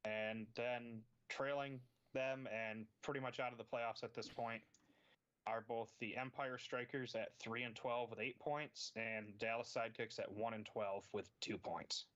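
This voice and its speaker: A man co-hosting a sports podcast, talking in a steady, laid-back way with dry humor. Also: medium pitch, measured pace, lo-fi sound. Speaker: podcast co-host. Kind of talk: casual sports chat.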